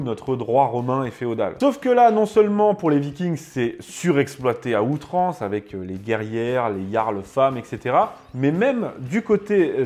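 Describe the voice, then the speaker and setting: A man's voice: mid-range voice, darkish tone. A man hosting a video review, giving scripted commentary in a sarcastic, scornful and emphatic way. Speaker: show host reviewing a series.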